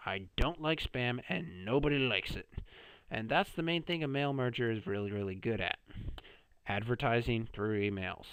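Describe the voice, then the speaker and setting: A man's voice: mid-range voice, fairly bright tone, a little hiss or hum, poor audio. Sarcastic young-sounding man presenting a lesson. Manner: sarcastic, playful, jumpy delivery. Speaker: student presenter. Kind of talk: casual class presentation.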